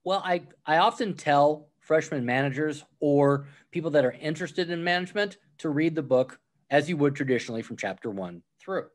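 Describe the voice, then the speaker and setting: In a casual podcast interview, this man talks through his restaurant management book, laying out examples one step at a time and performing the replies he quotes. His voice is a little high and expressive, at normal speed with few pauses.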